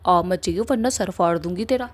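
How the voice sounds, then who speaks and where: A woman voicing a feisty young woman in a cartoon, who is blunt and quick to threaten. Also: lowish voice, lightly acted. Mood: angry.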